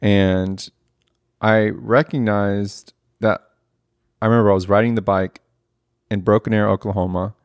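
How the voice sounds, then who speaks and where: Earnest young man with a low voice. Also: fairly even intonation, a little slow, pauses often, smooth, no echo. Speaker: podcast host. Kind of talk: casual conversational podcast talk.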